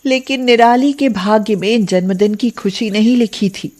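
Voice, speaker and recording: A woman narrating a scripted cartoon story in a steady, plain manner. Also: on the high side, moderate pace.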